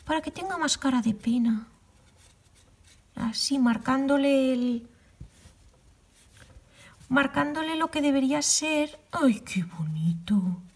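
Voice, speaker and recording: Woman, high voice, crochet tutorial host, affectionate, emotional, soft whispers at times. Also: slow, pauses often. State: tearfully emotional. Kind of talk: casual crochet tutorial chat.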